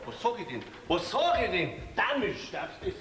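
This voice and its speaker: A man's voice: high-pitched, lively intonation, moderate pace, sharp tone. An actor with a Bavarian accent playing a stubborn, grumbling farmer and father in a folk theater comedy. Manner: grumbling, gruff. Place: theater stage. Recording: echoey theater hall with faint noise.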